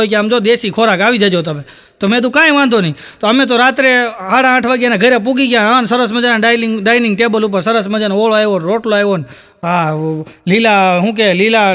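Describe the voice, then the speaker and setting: Man, stand-up comedian, rural Saurashtra Gujarati accent, very high voice, bright ringing tone, raised voices for quoted characters. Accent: Gujarati, Saurashtra rural dialect. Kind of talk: live stand-up joke telling.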